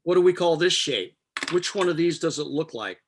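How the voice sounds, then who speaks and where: A man's voice: a little high, animated, moderate pace, a little hiss or hum. A middle-aged man teaching a chemistry class, explaining step by step with patient jokes. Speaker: chemistry instructor. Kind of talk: live online chemistry lecture.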